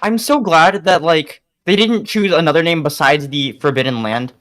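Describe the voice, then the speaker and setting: A man co-hosting a livestream in casual chat, rambling and animated, full of likes and restarts. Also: fairly high pitch, moderate pace. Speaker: stream co-host.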